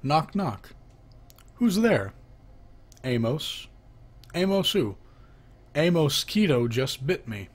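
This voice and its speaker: A man works through a children's joke book out loud, announcing each speaker before the line and lifting his voice on the knock-knock questions. He goes slowly, with long pauses and big swings in a slightly high pitch.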